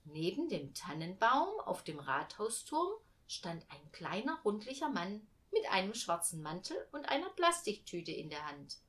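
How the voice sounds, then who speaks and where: A woman reading a children's story aloud, slowly and carefully. Her voice moves through a wide, lively range as she tells it, in an expressive storytelling manner. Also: mid-range voice.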